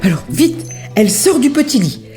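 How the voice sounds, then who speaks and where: A woman storyteller reading a children's story aloud in an expressive, sing-song manner. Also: fairly high pitch, moderate pace, soft background music.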